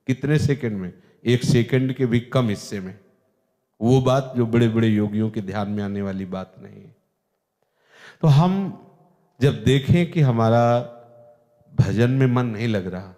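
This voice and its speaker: A man's voice: mid-range voice, dark tone. A man giving an earnest, emphatic devotional discourse as a spiritual teacher. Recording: long hall reverb.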